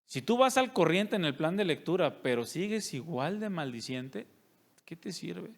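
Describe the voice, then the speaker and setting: A man's voice: a little high, big pitch swings, moderate pace, creaky. A male pastor, preaching a sermon and putting rhetorical questions to his congregation. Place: church service.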